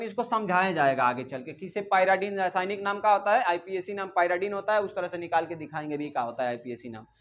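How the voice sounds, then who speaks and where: High-pitched male teacher quizzing a class. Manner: drills students with repeated questions, scolds them. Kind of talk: classroom chemistry lesson.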